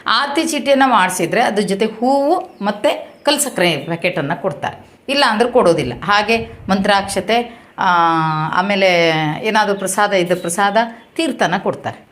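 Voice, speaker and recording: A woman's voice: mid-range voice, lively intonation, moderate pace, fairly bright tone. A woman from Uttara Kannada retelling a temple visit in a casual storytelling monologue, acting out the people she quotes. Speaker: vlogger recounting a temple visit.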